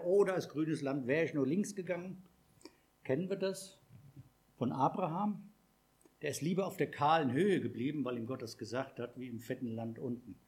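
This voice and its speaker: A man's voice: mid-range voice, darkish tone, husky. A man preaching a sermon, talking conversationally and asking the congregation questions.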